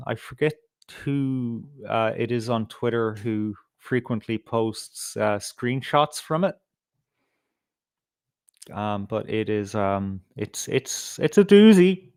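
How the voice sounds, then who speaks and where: A middle-aged Irish-accented man with a clean, mid-range voice hosts a casual live stream, captured in a dry, clean studio recording. He swears freely while rambling and hesitating through his commentary.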